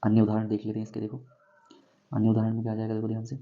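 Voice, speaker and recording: A man teaching English grammar in a classroom-style lesson, going slowly and asking himself questions before he answers them. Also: on the low side, monotone, phone-quality sound. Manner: slow, repeats and quizzes himself with questions.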